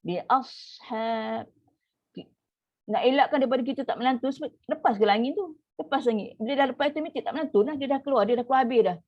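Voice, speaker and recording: A woman with a Malaysian Malay accent teaching an online tajwid class, explaining in a chatty way with many "ha" fillers and slowly modelling drawn-out recitation. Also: sits high, muffled recording.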